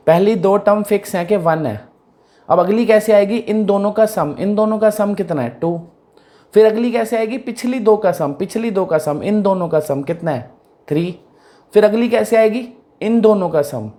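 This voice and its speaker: In a conversational math lesson, the teacher speaks with a warm, high-sitting voice. Repeated questions to check understanding come up often as he asks if students follow.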